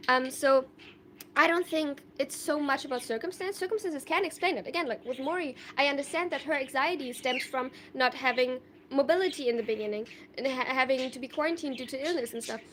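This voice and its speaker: On a live stream, a young German woman with a high, light, fairly bright voice speaks a little fast, answering viewer questions in a loose, thoughtful ramble laced with fillers and restarts. Faint room ambience and slight background noise sit underneath.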